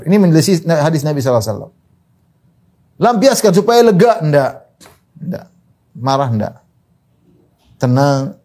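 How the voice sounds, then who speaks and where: Man giving an emphatic Islamic sermon. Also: a little mellow. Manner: quotes Arabic scripture, emphatic repetition, pitch swings widely. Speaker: Islamic preacher. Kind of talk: religious lecture.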